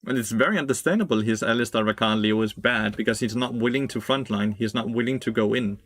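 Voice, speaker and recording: A young man streams a game at a fast clip, his medium-pitched voice a bit bright and free of echo. He laughs, answers chat, and gives blunt, profane commentary in a casual gameplay style.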